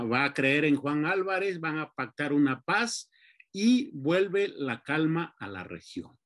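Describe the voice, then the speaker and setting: A man giving an academic talk, lecturing at an unhurried pace with many fillers and restarts. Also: fairly high pitch. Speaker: panelist.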